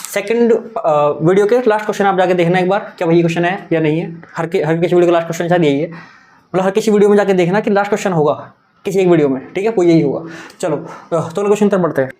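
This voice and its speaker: A man's voice: high voice, fast talker, darkish tone. A young adult man teaching a maths exam-prep lesson, talking in a coaxing, repetitive way and mixing in English terms.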